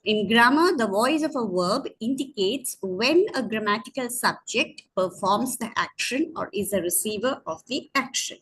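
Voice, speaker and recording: Woman, online English tutor, patient step-by-step explaining with self-corrections, slightly husky voice. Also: fairly high pitch, animated, moderate pace, few pauses, fairly bright tone, low-quality recording. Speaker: English teacher. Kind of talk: online grammar lesson. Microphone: screen-share online session.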